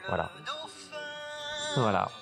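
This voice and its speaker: A man's voice: slow, over music. A man from French Guiana, a nature photographer, talking casually in an interview with many fillers and restarts.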